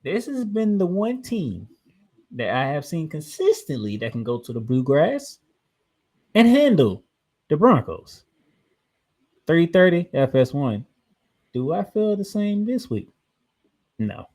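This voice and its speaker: A man's voice: on the high side, big pitch swings, takes it slowly, long pauses, a little mellow. American man co-hosting a football show. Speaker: sports show co-host. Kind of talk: college football preview talk.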